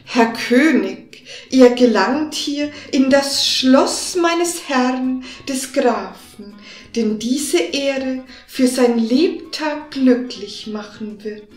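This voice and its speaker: A woman voicing a cunning, flattering male cat in a fairy-tale audiobook, talking eagerly. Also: sits high, drawn-out words, voice pushed up. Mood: ceremonious. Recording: roomy with faint music behind.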